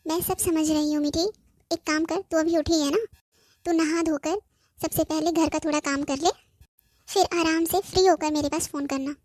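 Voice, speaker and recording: A woman's voice: high-pitched, steady tone, moderate pace, darkish tone, dry recording, clean studio sound, natural voice. A woman voicing a worried cartoon mother on the phone who presses her daughter with questions and scolds her firmly. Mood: firm scolding. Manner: anxious questioning, then firm scolding. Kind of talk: cartoon voice acting.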